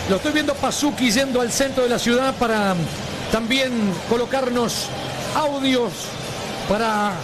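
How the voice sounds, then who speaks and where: A man's voice: extremely high pitch, background noise. A man hosting a radio show and handing off to segments. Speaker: radio host.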